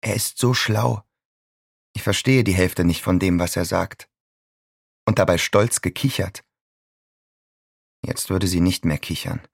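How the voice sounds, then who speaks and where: A man's voice: low-pitched, fairly even intonation, unhurried, vocal fry, long pauses, slightly rough, no echo, studio quality, full character voice. An actor in his twenties playing a bitter 26-year-old son stuck in his childhood room, in a sardonic, brooding inner monologue. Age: 20s.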